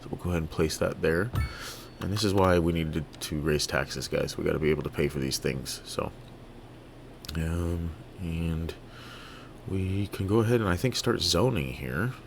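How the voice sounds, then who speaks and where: A man from Toronto giving relaxed, halting let's-play commentary on a city-building game, full of fillers and restarts. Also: sits low, creaky, a little hiss or hum. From Toronto, Canada. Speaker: gaming video creator.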